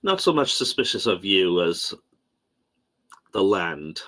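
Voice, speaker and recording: A man's voice: low-pitched, big pitch swings, takes it slowly, a bit bright. A man playing a tabletop game, asking careful, probing questions in character. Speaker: player. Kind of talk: tabletop role-play.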